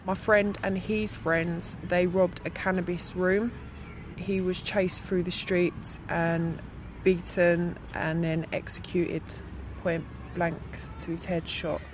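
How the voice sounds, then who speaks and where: Young woman, electronically disguised voice, anonymous witness, measured earnest testimony, faint background noise. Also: on the low side, little pitch movement. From South London. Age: young adult. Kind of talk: interview testimony.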